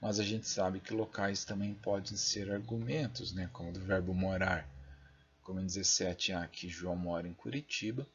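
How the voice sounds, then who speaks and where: A Brazilian lecturer with a Brazilian Portuguese accent talks linguistics in a steady, low voice at a moderate pace. He thinks aloud, keeps checking in with tag questions and jokes at his own expense while using the mouse. The recording has the highs cut off and slight background noise.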